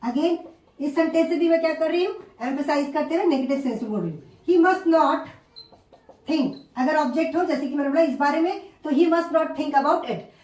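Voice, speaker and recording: A woman teaching an English grammar lesson, explaining slowly and repeating each example word by word. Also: sits high, a little mellow. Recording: echoey room, far from the mic.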